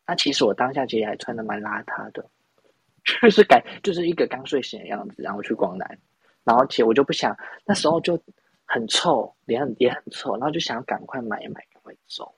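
A man's voice: mid-range voice, animated, fairly quick, vocal fry, husky, no room sound, low-quality recording. A young man from Taiwan, telling a rambling, self-mocking story in a casual podcast chat. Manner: rambling, self-mocking, many restarts and laughs. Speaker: podcast host.

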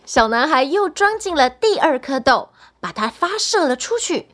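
A woman storyteller narrating a bedtime story for children, speaking to them directly in an animated way. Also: high-pitched, moderate pace.

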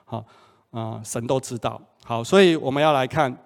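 A man's voice: medium pitch, moderate pace, creaky. A male pastor preaching a sermon in a conversational way, often asking the congregation questions. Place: church hall. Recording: long hall reverb.

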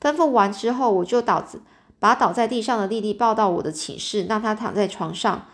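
A woman's voice: mid-range voice, a little fast. Chatty woman reading a story aloud. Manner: chatty, with fillers and small slips. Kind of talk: reading a storybook aloud in a loose spoken retelling.

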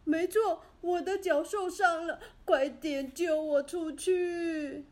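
Woman doing a man yelling for help. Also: extremely high pitch, steady tone, slow pace, pitched above the performer's own voice. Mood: pleading. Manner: shouting desperately, pleading. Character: adult man stuck in a pit, calling for help. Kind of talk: storybook reading.

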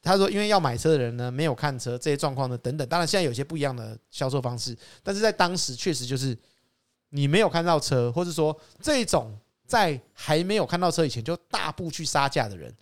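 A man with a Taiwanese Mandarin accent, a used car dealer telling stories in an animated, casual chat. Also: quick pace. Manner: animated, acts out customers and his father with rising pitch and laughter.

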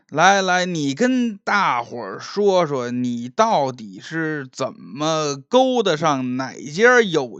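A man voicing a drunk, mocking young gentleman who taunts an old classmate and stammers as he talks. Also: fairly high pitch, smooth, no room sound, lo-fi sound, heavily acted. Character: drunk, sneering young male gentleman bully.

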